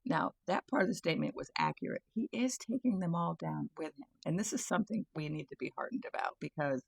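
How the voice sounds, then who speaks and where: A woman's voice: low-pitched, lively intonation, fast talker, creaky, slightly rough, no room sound, clean studio sound. A woman giving a casual satirical monologue about the news, often breaking into laughter and talking with sardonic glee. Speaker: tarot and spirit-guide commentator. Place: home, near a garage.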